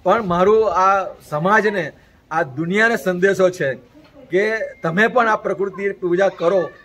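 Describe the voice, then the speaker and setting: A man's voice: high-pitched, unhurried, fairly bright tone, rough recording. A man from Gujarat, an interview guest, delivering an earnest, preachy message and repeating his points in long lists.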